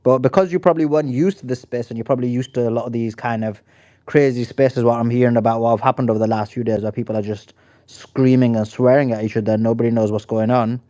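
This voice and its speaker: A man's voice: medium pitch, steady tone, warm tone. Firm man moderating a debate. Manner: firm, measured and reproving. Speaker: host. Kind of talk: moderating an online audio debate.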